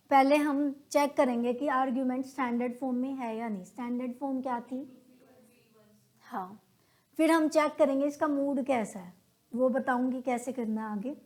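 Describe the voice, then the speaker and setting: A woman's voice: high-pitched, darkish tone. A woman with an Indian accent teaching a classroom lesson on logical reasoning, patiently asking questions and then answering them herself. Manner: acts out everyday examples in quoted dialogue.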